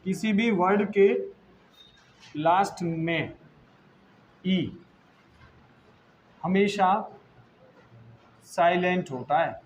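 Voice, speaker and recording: High-voiced Indian teacher spelling out words. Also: male voice, very slow, pauses often, slight background noise, rough recording. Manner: explains patiently, spells words letter by letter, asks and answers his own questions. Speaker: English teacher. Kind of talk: classroom lesson.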